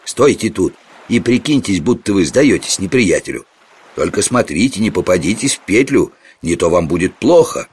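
A man's voice: deep voice, big pitch swings, moderate pace, darkish tone, breathy edge, exaggerated voice. A man voicing a bold, crafty monk who talks in a cocky, boastful way in a storybook reading. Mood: sly. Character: bold, crafty male monk, brash and sly.

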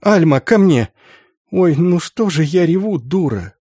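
A man voicing a frightened, tearful young woman who cries out in a high, breathless voice. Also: animated, measured pace, mellow, no echo, clean studio sound.

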